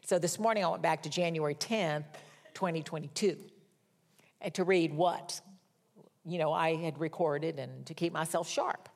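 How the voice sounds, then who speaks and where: Woman preaching with fervent, hushed swings. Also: low voice, moderate pace, vocal fry. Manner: swings from fervent, raised scripture reading to soft, hushed storytelling. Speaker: minister. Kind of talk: sermon.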